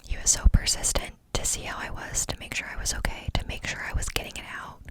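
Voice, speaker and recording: A woman ASMR host telling a personal story in a confiding, candid, cupped-hand whisper, close up. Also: quick pace.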